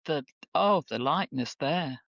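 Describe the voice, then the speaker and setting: A woman in her seventies tells a family story as a guest in casual conversation. Her pitch moves a lot, which makes her sound expressive. The recording is dry but dull, with a lo-fi quality. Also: a little slow, no echo. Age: 70s. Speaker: guest, the stepmother.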